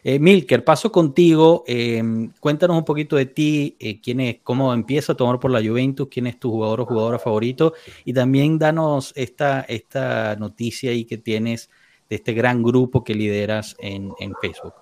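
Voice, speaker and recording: A man hosts a casual podcast, passing the word to each guest in turn and laughing easily. His voice sits at a middle pitch and sounds dry and close to the mic. He talks in a loose, friendly way. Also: normal speed, darkish tone, no echo. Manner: friendly, laughs often, hands over to guests. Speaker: podcast host.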